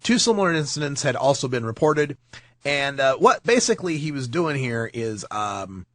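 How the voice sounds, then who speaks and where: A man's voice: mid-range voice, sing-song, normal speed, a bit bright, dry recording, clean studio sound. A man hosting a podcast, rambling and joking through news stories with frequent laughs. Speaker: podcast host. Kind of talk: casual news commentary.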